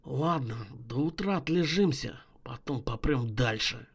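A man playing a terse convict with a nasal twang who grumbles orders in a low mutter. He sounds dour and clipped, a storybook tough who runs the group. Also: animated, slow pace, exaggerated voice. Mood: grumbling. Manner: gruff, mutters short orders. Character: gloomy nasal male convict, terse leader.

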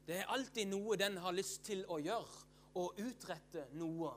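Fervent high-voiced male preacher. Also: a bit bright, a little hiss or hum. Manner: fervent, emphatic, repeats phrases, frequent hallelujahs; casual spoken fillers, asks and answers own questions. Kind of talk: sermon.

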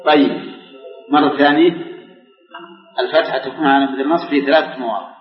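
An older man teaching grammar to a class, quizzing students and slowly repeating examples. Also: mid-range voice, steady tone, over music. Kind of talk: classroom lesson with questions to students. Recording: echoey hall, dull lo-fi recording.

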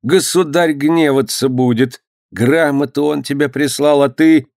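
A man voicing a grave middle-aged clerk who speaks in a measured, admonishing way. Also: on the high side, a little mellow, dry recording, studio quality, voice pushed up.

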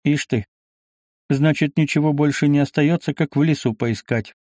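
A man's voice: a little high, moderate pace, mellow, dry recording, clean studio sound, voice pushed up, close to an everyday voice. A man voicing an earnest, polite young knight in an audiobook. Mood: cheerful. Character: young knight, emotional but cheerful.

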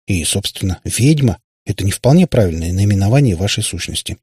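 A man's voice: on the low side, expressive, brisk, a little mellow, husky, no room sound, clean studio sound. A man voicing a sad warlock father who rambles in pompous explanations. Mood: weary. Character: male warlock father, sad and long-winded.

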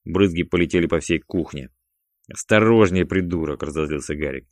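A man narrating a crime audiobook in a measured, even storytelling manner. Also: rumbling low, no echo, studio quality. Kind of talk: scripted crime fiction narration.

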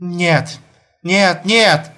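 A man's voice: sits high, extremely slow, sharp tone, pitched above the performer's own voice, heavily acted. A man voicing a distraught middle-aged mother who pleads and repeats herself. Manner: pleading, repetitive.

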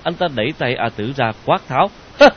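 A man narrating a story in an expressive audiobook reading, in a dull lo-fi recording. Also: medium pitch, fast talker, breathy edge.

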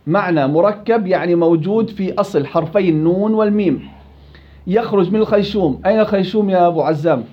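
A man with a Levantine Arabic accent teaching Quran recitation, quizzing students, praising answers and stretching out example words slowly. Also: high-pitched, lo-fi sound. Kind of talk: classroom teaching.

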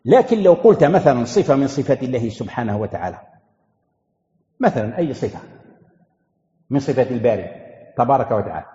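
A man's voice: medium pitch, expressive, quick pace, pauses often, mellow. A man teaching a religious lesson as a sheikh, asking questions and answering them himself and repeating key phrases. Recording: echoey hall, dull lo-fi sound.

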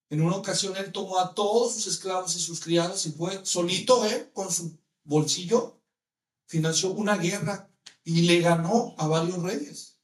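Male preacher, high-pitched, animated and questioning, distant echoey sound. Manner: animated, asks the listeners many rhetorical questions. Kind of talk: sermon.

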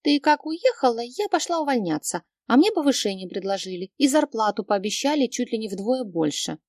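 A woman's voice: on the high side, very animated, a little fast, a little mellow, no echo, studio quality. A woman voicing a brash young female friend who snaps back bluntly, in an audiobook reading. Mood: coaxing. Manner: snapping, blunt.

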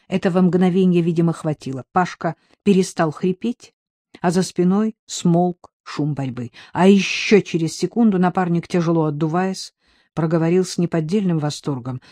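A man narrating an audiobook in a measured, dramatic reading with swells of intensity. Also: high voice, mellow, dry recording, clean studio sound.

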